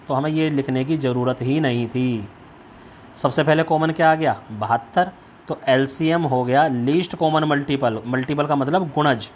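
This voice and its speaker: A man's voice: a little high, a little hiss or hum. Man teaching a maths lesson. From India. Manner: step-by-step, asks and answers own questions. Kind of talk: worksheet lesson.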